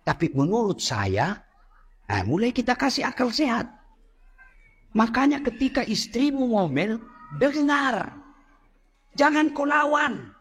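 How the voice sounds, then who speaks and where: High, lively joking male preacher. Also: measured pace, pauses often, slightly rough. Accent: Indonesian. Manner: jokey, acts out quoted voices, addresses audience directly. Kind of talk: humorous sermon. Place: mosque.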